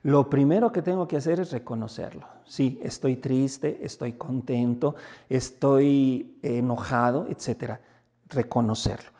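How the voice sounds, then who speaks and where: Warm-voiced Mexican priest giving a talk. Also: male voice, a little slow. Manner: conversational, acts out little everyday dialogues with lively pitch jumps. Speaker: priest and basilica rector. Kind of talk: spoken reflection message.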